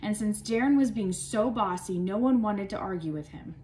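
A woman, a parent volunteer and substitute teacher, reading a children's chapter book aloud with expressive storytelling. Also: mid-range voice, moderate pace, slight background noise, poor audio.

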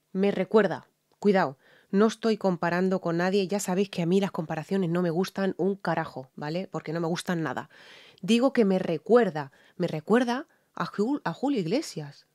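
A woman's voice: medium pitch, a little mellow. Chatty Spanish woman breaking down vocals. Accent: Spain Spanish. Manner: chatty, explains vocal technique with many fillers. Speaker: singer reacting to and analysing a song. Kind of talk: casual reaction commentary.

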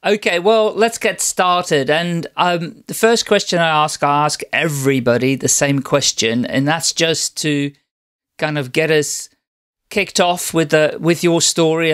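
A man with a fairly high, bright, clear and resonant voice hosts a podcast interview. He welcomes his guest and asks questions in an upbeat, encouraging way, with quick acknowledgements.

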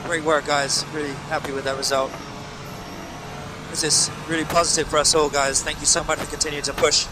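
Driver on team radio, fast and flat-toned, engine noise around him. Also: male voice, on the high side. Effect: race team radio. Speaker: racing driver. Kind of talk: team radio after a race.

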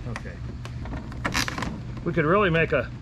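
Middle-aged man, wry and chatty hobbyist, camera-mic sound with steady background noise. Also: fairly high pitch, measured pace, muffled recording. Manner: chatty, wry, chuckling asides. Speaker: model railroad hobbyist, co-host. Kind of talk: casual chat while unboxing. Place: garage workshop and train room, indoors. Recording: noisy home video audio.

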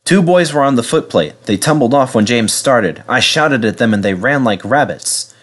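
A man voicing a busy male railway signalman in a storybook, brisk and matter-of-fact. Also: medium pitch, expressive, a bit bright.

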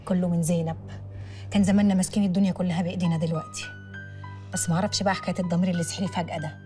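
A woman's voice: on the low side, flat delivery, racing, warm tone, soft background music, close to an everyday voice. An actress playing a scheming young Egyptian village woman in a TV drama, urgent and conspiratorial.

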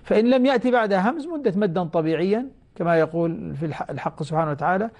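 A man teaching Quran recitation rules on a television program, explaining each rule and then chanting short example verses slowly, calling the listeners his brothers. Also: high-pitched, animated, a little mellow. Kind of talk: televised tajweed lesson. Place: TV studio.

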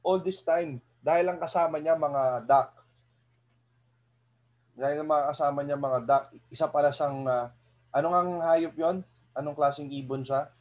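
A man giving a lively seminar talk to an audience, often asking them rhetorical questions and chuckling. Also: on the high side, normal speed, long pauses. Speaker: motivational speaker.

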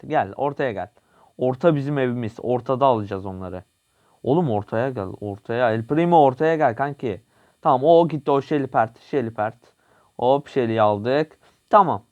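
A young man giving casual, excitable commentary while playing a mobile game, coaching his teammate and repeating short calls. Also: mid-range voice, highs cut off. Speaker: gaming channel host.

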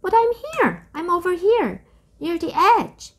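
A woman voicing a brave, trusting young girl in a storybook reading, with a high, excited child's voice. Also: measured pace, slight background noise, exaggerated voice. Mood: urgent.

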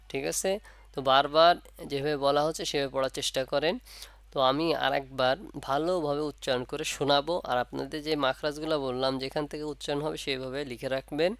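A man with a fairly high, smooth voice teaches letter sounds step by step. He asks questions and answers them himself, and he stretches out each sound to demonstrate. The recording is dry and close. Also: fairly bright tone, no echo. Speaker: Quran reading teacher. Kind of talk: step-by-step lesson.

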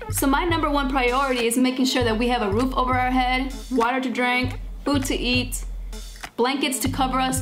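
A woman vlogging straight to camera in casual chat, emphatic and repeating phrases for punch. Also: sits high. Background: background music.

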